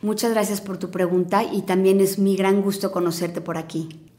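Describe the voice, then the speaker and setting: A woman speaks at a medium pitch. She gives scripted parenting advice in a calm, gentle and reassuring way. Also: moderate pace. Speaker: parenting podcast host.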